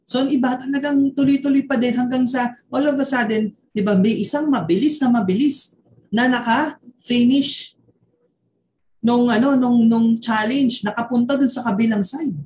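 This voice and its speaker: A man's voice: extremely high pitch, steady tone, normal speed, darkish tone, echoey room, slight background noise. A man with a Filipino accent, a network marketing mentor giving a motivational online training, telling a story and tossing constant tag questions to his listeners.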